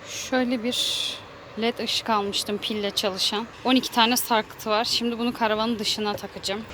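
A woman's voice: a little high, steady tone, normal speed. A young woman filming a casual family caravan vlog, talking in a dry, ironic, complaining way. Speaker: vlogger. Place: outdoors by a caravan. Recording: loud outdoor street noise.

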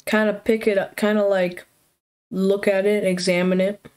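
A young woman playing a tabletop game, describing her actions in halting bits. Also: mid-range voice, flat delivery, darkish tone, clear, resonant tone. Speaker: player. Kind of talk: casual tabletop play.

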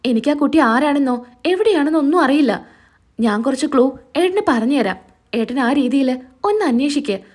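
A woman's voice: high-pitched, expressive, normal speed. A woman voicing an anxious young man who urgently pleads with his older brother for help. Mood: urgent pleading.

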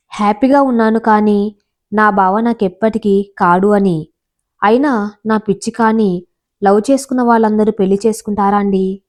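A young woman tells a first-person story. Her tone is calm and confiding, and her voice sits at a middle pitch.

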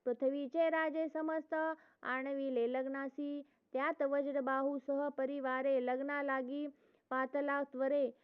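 A high-voiced woman recites devotional verse in a slow, flat, chanting cadence. The sound is thin and phone-like, with no room echo around her. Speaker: scripture reader. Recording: tinny phone-like dry recording.

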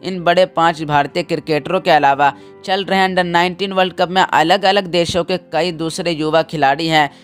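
A man narrates a cricket roundup in a voice sitting a touch high. He reads a prepared script and turns to his viewers now and then, with faint music running behind him. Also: fairly even intonation, moderate pace, hardly any pauses, fairly bright tone, clean tone.

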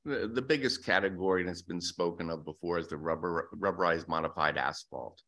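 A man in his sixties testifies for a business group at a legislative hearing, speaking into a desk microphone in the hearing room. His low, brisk, fairly bright voice comes out hesitant and a bit defensive, with many fillers and restarts.

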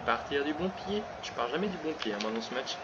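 A man commentating his own football video game career live, excitable, breaking into shouts and laughter before calming himself down. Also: mid-range voice, quick pace, a faint crowd. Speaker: gaming channel host. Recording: muffled lo-fi sound with steady background noise.

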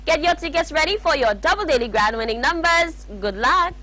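A young woman presenting a scripted televised lottery draw, announcing numbers in a formal, measured way. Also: sits high, lively intonation, pushed and bright, slight background noise. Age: young adult. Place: TV studio. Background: faint music.

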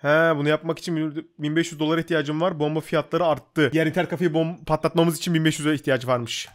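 A man casually commenting on his own gameplay, talking to himself and his viewers, often getting excited. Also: on the high side, fast. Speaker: gaming YouTuber.

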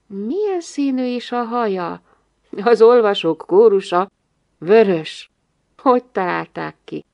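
A woman narrating an audiobook in the first person, wry and lively. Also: mid-range voice, vocal fry. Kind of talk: storybook narration.

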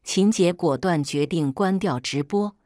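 A middle-aged woman telling a scripted first-person story in an even, measured way. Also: fairly low pitch, no room sound, clean studio sound.

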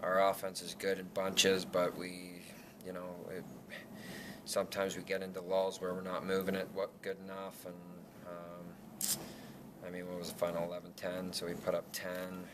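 A lacrosse player, a young man in his twenties, fields reporters' questions at a post-game media scrum, speaking haltingly with frequent restarts and fillers and a self-conscious laugh. His voice is deep and monotone. He's indoors in a press backdrop room, and the recording carries noisy room ambience.

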